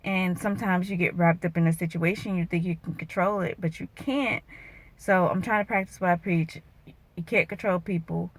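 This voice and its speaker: A woman's voice: on the low side, fairly even intonation, normal speed, no room sound. A woman in her thirties, an emotional vlogger and bikini competitor, venting earnestly and turning preachy and motivational, her voice wavering at times.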